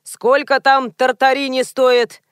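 A nitpicking, grumbling old grandfather in a storybook reading, voiced by a woman narrator. The voice comes across dry and close to the mic, in a fairly high register. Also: little pitch movement, takes it slowly, smooth, dry recording. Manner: grumbling and pedantic.

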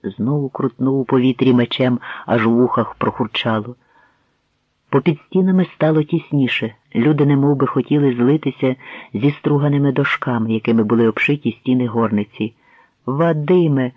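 A man narrating a historical tale in measured storytelling fashion, as an audiobook reader, on a tinny, dry recording. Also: mid-range voice, dry recording. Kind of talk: scripted narration. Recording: tinny phone-like dry sound.

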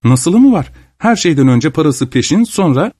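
A man's voice: fairly high pitch, sing-song, moderate pace, warm tone, slightly rough, dry recording, studio quality, voice pushed up. A man reading aloud who voices a haughty landowning lady, curt and dismissive.

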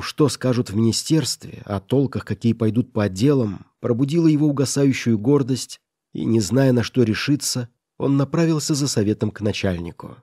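A man reading a classic story aloud as an audiobook, in a measured, even storytelling manner. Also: medium pitch, no echo, clean studio sound. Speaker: audiobook reader. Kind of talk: scripted audiobook narration.

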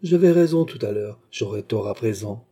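A man's voice: fairly low pitch, expressive, normal speed, warm tone. A man reading an audiobook, voicing a grasping rogue who talks in a mock-serious, pompous way. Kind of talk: audiobook character voice.

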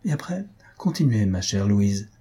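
A man's voice: lowish voice, big pitch swings, normal speed, mellow, slightly rough, heavily acted. Faustine, a man voicing an insistent young sister. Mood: probing. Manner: insistent, probing. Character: thoughtful, insistent young woman, the elder sister. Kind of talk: audiobook character voice.

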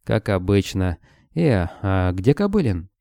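A man's voice: sits low, very animated, a little slow, vocal fry, mellow, no room sound, studio quality, full character voice. A man voicing a sarcastic, snappy red-haired young woman werewolf. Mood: wry.

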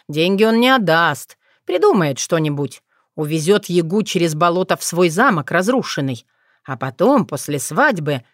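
A woman reads a fairy-tale audiobook in a lowish, even voice. The recording is close and dry, with no room sound. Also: no echo. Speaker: narrator. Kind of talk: audiobook narration.

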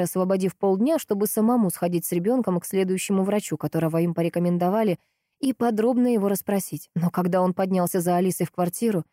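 A woman narrating an audiobook in a steady, measured storytelling manner. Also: medium pitch, no echo, clean studio sound. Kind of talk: scripted narration.

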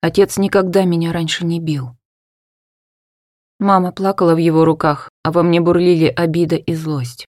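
A woman reading a first-person novel aloud in a measured, dramatic way, sometimes dropping to a hush. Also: on the low side, flat delivery, no echo, studio quality. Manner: measured, dramatic, drops to hushed tones. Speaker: audiobook narrator. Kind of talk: scripted first-person narration.

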